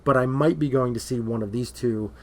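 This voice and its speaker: This podcast co-host, a man whose voice is going out, chats about movies casually with frequent laughter and plenty of filler words. His voice is mid-range and a little fast.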